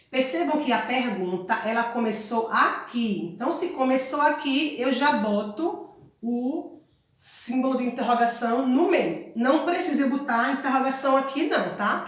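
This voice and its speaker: Woman, teacher explaining a lesson, fairly high voice, very echoey room. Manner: explanatory, checks in with tags like "ok?" and "tá?". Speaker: Spanish teacher. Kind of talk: online class lecture. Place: room at home.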